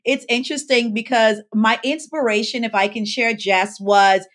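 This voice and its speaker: A woman from the Bahamas, a pharmacist and life coach, tells her story as a guest on a podcast in casual interview chat, acting out the quoted lines. Her voice is fairly high and fairly bright, steady in tone and at a moderate pace.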